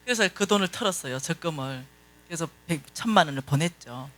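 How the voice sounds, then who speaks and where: A woman's voice: low-pitched, expressive, fairly quick, a bit bright. A middle-aged woman giving a church lecture on finances. She tells stories, acts out dialogue and speaks bluntly to the audience. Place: church hall.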